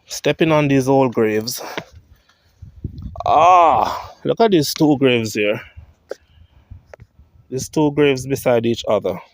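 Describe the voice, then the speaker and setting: A Jamaican man strolls through an outdoor churchyard, reading old gravestones aloud in an unhurried, mid-pitched voice. His talk is slow and musing, and the sound is dry and close. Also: no echo. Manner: reads grave inscriptions aloud, thinking out loud. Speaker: vlogger. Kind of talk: walking tour vlog.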